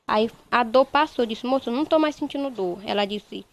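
Distressed young woman recounting an ordeal. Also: fairly high pitch. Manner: halting, repetitive retelling, quoting others. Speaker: interviewee, bereaved mother. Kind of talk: emotional first-person account.

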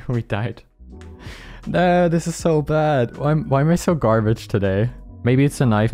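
A man's voice: mid-range voice, warm tone. A man giving casual gameplay commentary as a gaming YouTuber, often laughing, apologizing and joking at his own expense. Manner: laughing, apologetic, self-mocking.

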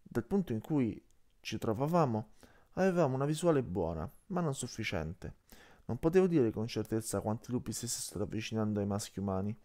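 Expressive male audiobook reader. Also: mid-range voice, a little fast. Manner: expressive, voices the characters. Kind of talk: audiobook narration.

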